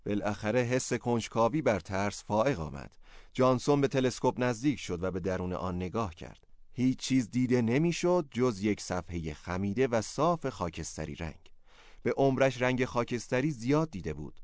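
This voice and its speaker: A man reading a story as narrator, in a steady, measured way. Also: lowish voice, no echo, clean studio sound. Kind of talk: scripted narration.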